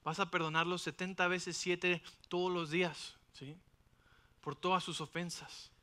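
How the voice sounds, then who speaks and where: Bright-voiced, animated male preacher. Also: high-pitched, a little slow. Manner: animated preaching, rhetorical questions to the congregation. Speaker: pastor. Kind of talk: sermon.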